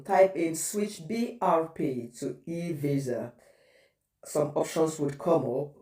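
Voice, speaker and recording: A man's voice: on the high side, a little mellow. Man guiding viewers in an echoey room. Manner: patient instructional, repeating steps. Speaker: tutorial host. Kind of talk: step-by-step how-to guide. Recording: echoey room, distant mic.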